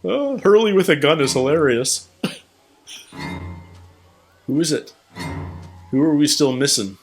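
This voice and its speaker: A man hosting a reaction video, excitedly questioning what he sees on screen. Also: on the high side, a little slow, faint music behind. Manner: excited, full of questions and exclamations. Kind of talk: first-time viewing reaction.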